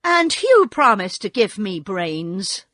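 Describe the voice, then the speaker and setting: A woman's voice: medium pitch, very animated, slow pace, a bit bright, dry recording, studio quality, exaggerated voice. Woman doing plaintive, insistent Scarecrow. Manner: plaintive, grieved. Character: sorrowful, insistent male scarecrow longing for brains.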